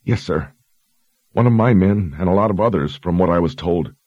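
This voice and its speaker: A man's voice: low voice, moderate pace, darkish tone, no room sound, lo-fi sound. A man voicing a frightened, dutiful young woman sergeant who speaks earnestly and deferentially. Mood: anxious.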